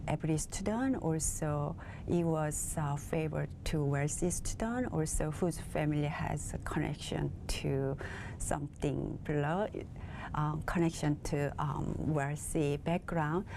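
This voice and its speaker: As a guest on TV, a bilingual facilitator from South Korea answers interview questions in English with a Korean accent, her native language being Korean. Her deep, gravelly voice comes out measured as she hunts for words, and there's background noise.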